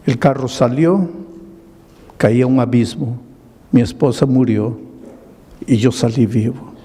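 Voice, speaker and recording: A man's voice: medium pitch, dark tone, big-room sound. A man voicing a grieving homeless drunkard who confesses his past in a pleading voice. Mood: sorrowful. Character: grieving homeless adult male drunkard, remorseful.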